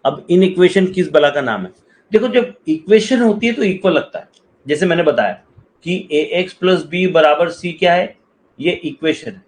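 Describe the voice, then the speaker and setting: A man's voice: fairly high pitch, animated, normal speed, poor audio. A male math teacher lecturing in with a slight touch, explaining step by step and often asking students whether they understand. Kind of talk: classroom lecture.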